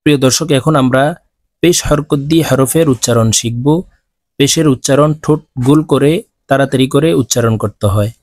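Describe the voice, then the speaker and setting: A man teaching Arabic letter pronunciation, drawing out each letter sound slowly for the class to repeat and explaining between the drills. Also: medium pitch, darkish tone, no room sound. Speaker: Quran reading teacher. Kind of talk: recitation lesson.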